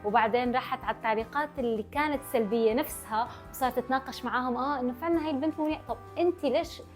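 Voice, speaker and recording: Over soft background music, a young adult vlogger with a Levantine Arabic accent chats with her followers and answers their questions. She talks at a racing pace in a high-pitched voice, blurring her words together.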